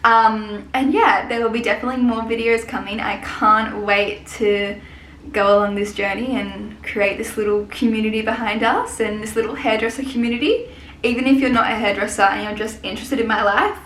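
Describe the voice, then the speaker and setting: A woman's voice: on the high side, fairly even intonation, normal speed, fairly bright tone. A woman in her twenties, a hairdresser and salon owner, chatting casually and rambling in a vlog. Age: 20s. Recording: echoey room with faint hiss.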